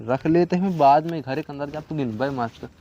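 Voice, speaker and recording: A man's voice: on the high side, normal speed, noisy background. Grumbling older Awadhi man. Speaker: retired father-in-law in a sketch.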